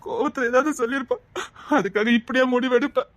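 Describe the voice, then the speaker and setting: A woman's voice: sits high, quick pace, dry recording, lightly acted. A woman voicing a young woman who begs her friend to live, speaking with a Tirunelveli Tamil accent in a tearful, pleading way. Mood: begging.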